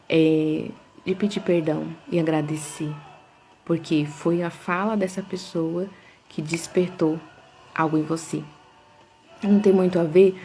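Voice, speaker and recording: A woman's voice: low-pitched, warm tone, slight background noise. A woman hosting a casual devotional talk, chatty and full of storytelling asides. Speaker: devotional host.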